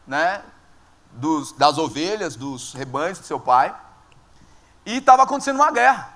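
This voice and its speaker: A male pastor with a Brazilian accent, telling a sermon story in an animated, joking way. His voice sits very high and leaps all over. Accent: Brazilian Portuguese.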